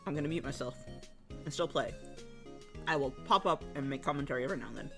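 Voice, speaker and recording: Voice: mid-range voice, fast talker. A streamer giving loose, joking asides while playing a game. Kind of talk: casual live-stream commentary. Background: loud game music.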